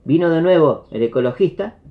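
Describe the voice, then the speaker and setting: A man with a Rioplatense Spanish accent preaches a sermon, telling a parable as an animated storyteller who acts out the characters' lines. His voice is a little high and a little fast. The video call audio sounds dull and lo-fi.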